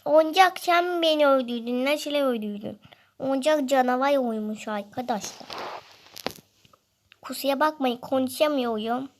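A woman's voice: sits high, normal speed. A woman giving playful game commentary, whining in fun as if she were a baby. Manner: playful, whiny, pretending to be a baby. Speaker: gaming video host.

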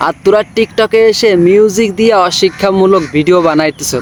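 A man's voice: high voice, normal speed, a little hiss or hum. A man with a giving a mocking, scolding commentary on video clips, sarcastic and insulting.

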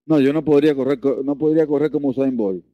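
A man's voice: fast, no room sound, lo-fi sound. A man teaching a Reiki lesson, earnest, often repeating and restarting his words. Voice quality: deep voice. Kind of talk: online lesson.

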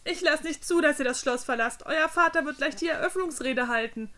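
A woman's voice: high-pitched, brisk, pushed and bright, pitched above the performer's own voice. A woman reading aloud, voicing a fussy, dutiful young manservant who pleads anxiously with his prince. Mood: anxious pleading. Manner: pleading, agitated.

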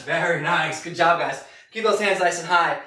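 High-pitched male boxing coach in noisy echoey garage. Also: moderate pace, far from the mic. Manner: short punchy cues while punching a bag; encouraging. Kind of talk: live workout instruction. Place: garage gym, indoors, camera several metres away.

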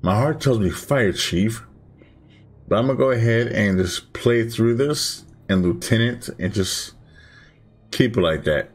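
A man giving excitable, slangy let's-play commentary while playing a game. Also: mid-range voice, a little slow, husky. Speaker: gaming channel host. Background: game music.

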